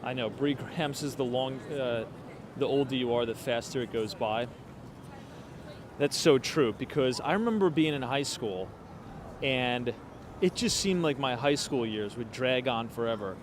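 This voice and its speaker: A man's voice: mid-range voice, measured pace. A man in his late twenties chatting casually to livestream viewers while walking outdoors on cold city streets at night, thinking aloud with fillers. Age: 20s. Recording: street noise behind.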